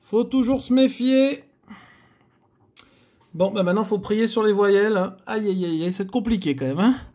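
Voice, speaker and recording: This man's high, slightly mellow voice moves at a normal speed as he hosts a scratch-card video. He addresses his viewers directly with chatty, theatrical remarks and plenty of groans while he scratches.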